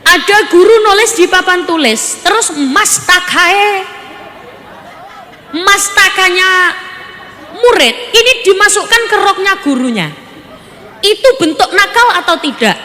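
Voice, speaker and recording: A woman preacher, giving a lively sermon and teasing her audience with playful questions. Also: extremely high pitch, unhurried, pauses often. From Surabaya, East Java. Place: religious gathering before a live audience. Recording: reverberant hall with crowd.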